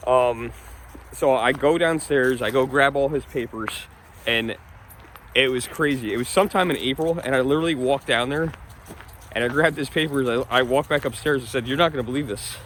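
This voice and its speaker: A man's voice: medium pitch, normal speed, fairly bright tone, a little hiss or hum. A man from New York's Hudson Valley who rambles in casual vlog chat, laughing often while he walks his dog along a wooded trail outdoors. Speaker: vlogger.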